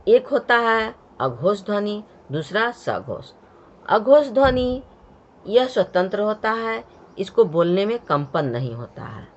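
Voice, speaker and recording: Woman, teacher, slow deliberate pace, step-by-step explanation, muffled lo-fi recording. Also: mid-range voice, big pitch swings. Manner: slow, explaining step by step, repeating sounds for the learner. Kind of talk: Hindi grammar lesson. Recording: dull, muffled lo-fi sound.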